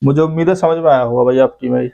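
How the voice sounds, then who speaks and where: A man's voice: medium pitch, fairly even intonation, fast talker, creaky, warm tone, muffled recording. A man teaching an English grammar lesson to school students, explaining step by step and often checking in with "okay, brother". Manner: explains step by step, keeps adding "ठीक है भाई".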